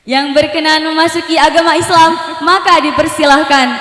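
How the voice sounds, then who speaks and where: A young woman giving a formal religious speech, slow and measured in her delivery. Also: high-pitched, fairly even intonation, a bit bright. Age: young adult. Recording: echoey hall with music behind.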